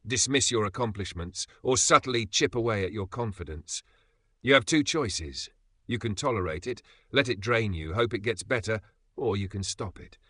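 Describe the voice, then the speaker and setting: A man reading a scripted motivational voice-over as the channel's narrator, with measured, emphatic delivery and dramatic pauses. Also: lowish voice, pushed and bright, no room sound.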